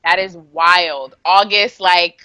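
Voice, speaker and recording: Bright-voiced playful woman podcast host. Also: lowish voice, slow, smooth. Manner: animated, laughs often, playful teasing. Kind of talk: casual chat.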